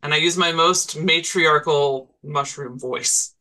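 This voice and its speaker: Bright-voiced, slow-talking tabletop game player. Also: medium pitch, fairly even intonation. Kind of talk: casual in-character game chat.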